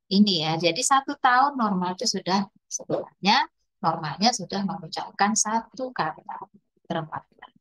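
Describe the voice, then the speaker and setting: A woman's voice: medium pitch, moderate pace, fairly bright tone. A woman speech therapist lecturing parents on toddler speech milestones, now and then imitating baby talk and animal sounds.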